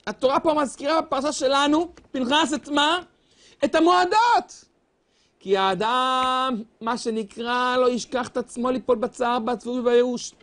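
In a high-pitched, somewhat bright voice, a man delivers a fervent sermon with a rising and falling sing-song preaching cadence. Some phrases stretch out into long, wailing cries.

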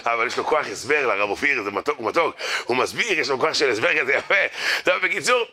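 A man giving a humorous religious lecture to an audience, telling stories, acting out the people in them and urging his listeners to pay attention. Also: medium pitch. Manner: lively storyteller who acts out others' voices and jokes; addresses the crowd directly, urging them to listen. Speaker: rabbi giving a Torah class.

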